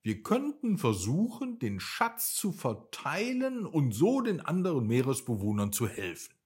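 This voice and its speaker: A huge, kindly whale, as a male storyteller puts him on, cheerful and reassuring. He speaks unhurried, with a husky warmth, his pitch swinging widely. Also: huge pitch swings, heavily acted. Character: big friendly whale, cheerful and kind.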